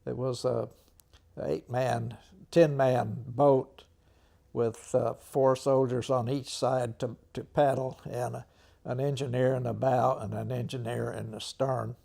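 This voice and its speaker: An elderly American veteran, in his nineties, talks about the war in an interview. He has a mellow mid-range voice with little pitch movement, and he pauses haltingly, often clearing his throat.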